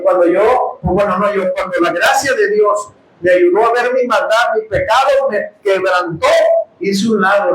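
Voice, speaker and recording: Impassioned high-voiced Mexican preacher. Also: male voice, reverberant, a little hiss or hum, poor audio. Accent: Mexican Spanish. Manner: impassioned, bursts into shouting, calls listeners "hermanos". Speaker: preacher giving testimony. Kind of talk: sermon testimony. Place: house of prayer.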